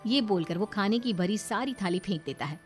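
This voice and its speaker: A woman's voice: medium pitch, animated, a little fast, soft background music. A woman reading scripted, dramatic narration for a moral story.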